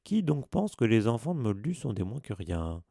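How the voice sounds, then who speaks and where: A man's voice: mid-range voice, sing-song, normal speed, creaky, mellow, no echo, clean studio sound. A man voicing a hot-headed teenage boy who argues back defiantly. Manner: heated, defiant.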